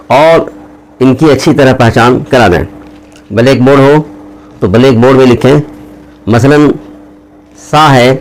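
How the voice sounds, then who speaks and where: A man teaching how to pronounce Arabic letters, drawing out each letter slowly between explanations. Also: mid-range voice, low-quality recording. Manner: slow, drawn-out letter recitation between explanations. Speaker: Quran teacher. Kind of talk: recorded teaching lesson.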